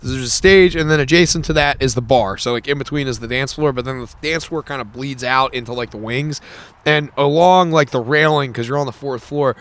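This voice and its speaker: A man's voice: mid-range voice, a little fast, a bit bright. A young man co-hosting a podcast, telling a long story in casual chat, rambling with many filler words and casual swearing. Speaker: podcast co-host.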